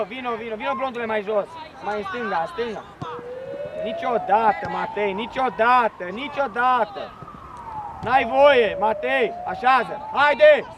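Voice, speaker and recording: Give me a high-pitched man coach shouting orders. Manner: commanding, repeats players' names and orders. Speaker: youth football coach. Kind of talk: shouted touchline instructions. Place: outdoor football pitch during a match. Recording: noisy outdoor pitch recording.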